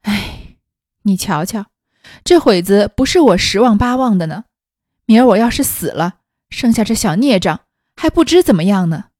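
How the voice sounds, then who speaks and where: A woman reading the lines of a sharp, bitter young noblewoman who is unwell, in a scornful, cutting manner. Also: mid-range voice, very animated, normal speed, no echo, studio quality.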